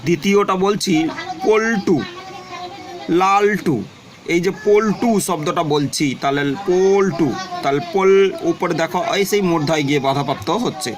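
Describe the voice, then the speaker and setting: A man teaching a twelfth-grade grammar lesson, who explains slowly and says example words and definitions more than once. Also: fairly high pitch, noisy background. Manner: explains slowly, repeats example words and definitions, often tells students to look.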